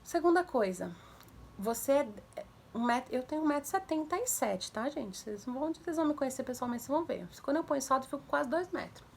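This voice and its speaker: A young woman casually giving parenting advice to viewers, animated, acting out commands in a raised voice. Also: high voice, quick pace, vocal fry, slight background noise. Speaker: mother sharing parenting tips.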